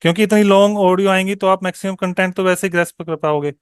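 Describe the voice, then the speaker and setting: In a studio-quality recording free of echo, a male exam coaching tutor with a higher, smooth, clear voice and steady tone leads an online exam-prep lesson. He switches between Hindi and English, checks in with frequent "okay?", and speaks slowly and deliberately when modelling answers.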